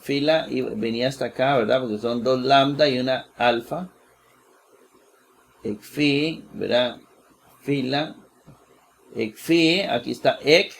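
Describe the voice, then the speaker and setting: A man teaching a Bible lesson, slow and deliberate, repeating each word several times and asking if listeners follow. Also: medium pitch, gravelly, a little hiss or hum. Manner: asks "¿verdad?" to check listeners follow. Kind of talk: slow screen-share lesson.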